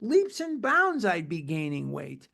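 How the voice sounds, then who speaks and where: A man's voice: sits high, huge pitch swings, measured pace, vocal fry, bright, forceful tone. A man of seventy leading a recovery meeting, talking earnestly and repeating himself for emphasis. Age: 70s. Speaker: meeting leader.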